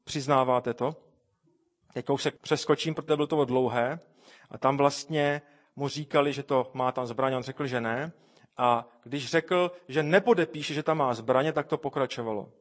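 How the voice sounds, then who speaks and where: A man reading a first-person testimony aloud in an earnest, measured way. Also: medium pitch. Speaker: reader.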